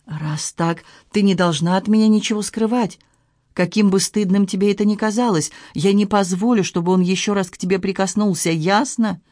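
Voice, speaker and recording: An anguished, protective man presses his beloved with urgent, emphatic questions in a storybook scene, as a reader puts him on. The voice sits at a middling pitch and sounds dry and close. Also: steady tone, normal speed, a little mellow, no echo, natural voice. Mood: tender. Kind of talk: audiobook reading.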